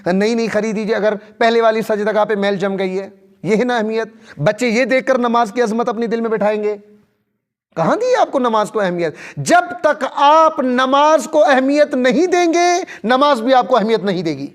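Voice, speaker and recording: A male cleric delivering a sermon, firing rhetorical questions and slowing down to stress key points. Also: very high-pitched, lively intonation. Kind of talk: Shia sermon.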